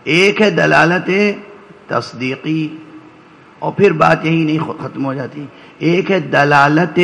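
Speaking to a majlis, a male religious scholar lectures in a fairly high, fairly bright voice with some vocal fry. He builds his case step by step, checking on the audience with short rhetorical questions, though the audio quality is poor.

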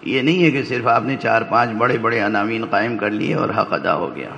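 A religious scholar speaks to a majlis in a fairly low, gravelly, slightly bright male voice, explaining things step by step. He checks in with his listeners through short rhetorical questions. The recording is low quality, with slight background noise.

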